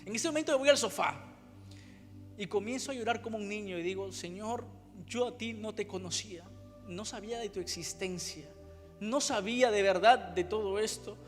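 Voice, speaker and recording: A high-pitched man with a Spain Spanish accent delivers a heartfelt sermon testimony. He repeats phrases and reenacts his own cries. His voice rings through a church hall with long reverb and quiet music beneath. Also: moderate pace. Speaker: preacher.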